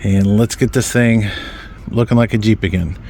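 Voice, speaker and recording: A man's voice: lowish voice, fairly even intonation, normal speed, a little mellow, slight background noise. Rambling man narrating outdoor repair work. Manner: rambling, many ums, mild swearing. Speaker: vlogger working on his own vehicle. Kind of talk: casual how-to commentary while working. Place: outdoors in a yard beside a vehicle.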